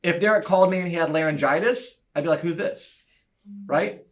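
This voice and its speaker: A man giving an enthusiastic, chatty breakout talk at a church conference, with quick asides and laughs. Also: fairly high pitch. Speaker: church media leader speaking at a conference breakout. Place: church breakout session room.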